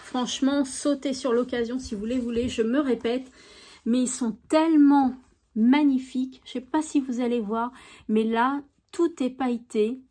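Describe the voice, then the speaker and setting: A female craft YouTuber chats enthusiastically while showing off craft supplies in a casual show-and-tell, using frequent fillers. Her voice sits high but has a dark tone.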